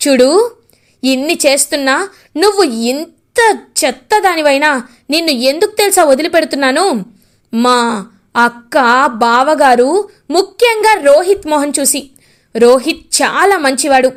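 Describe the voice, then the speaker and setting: A woman voicing a fierce, domineering mother-in-law who shouts threats and scolds harshly in a retold TV serial. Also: sits high, lively intonation, a little slow, pauses often. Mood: stern.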